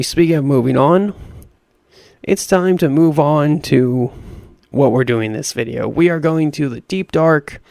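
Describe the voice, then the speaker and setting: A young man with a raspy voice giving rambling, self-deprecating commentary over a video game. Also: mid-range voice, darkish tone, no room sound, studio quality. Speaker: gaming YouTuber. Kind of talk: casual gameplay commentary.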